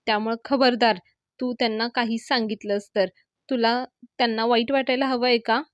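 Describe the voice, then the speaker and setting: A woman's voice: on the high side, little pitch movement, normal speed, no echo, muffled recording, lightly acted. A woman voicing an earnest young husband pleading with a friend in a retold serial scene. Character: young man, earnest and protective.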